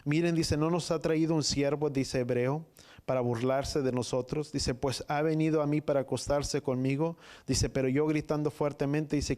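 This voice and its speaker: A man preaching a sermon, reading scripture in halting phrases and repeating "dice" between them. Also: mid-range voice, dark tone. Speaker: pastor.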